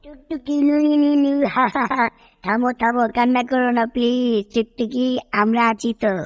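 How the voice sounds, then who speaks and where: A woman voicing Jerry, an excitable cartoon mouse who cries out in alarm. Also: on the high side, moderate pace, no room sound, in a large hall, highs cut off, lightly acted. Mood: soothing.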